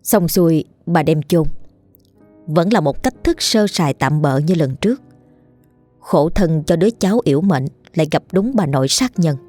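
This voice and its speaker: A woman narrating a ghost story in a steady storytelling manner. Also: sits low, normal speed, no room sound, faint music behind.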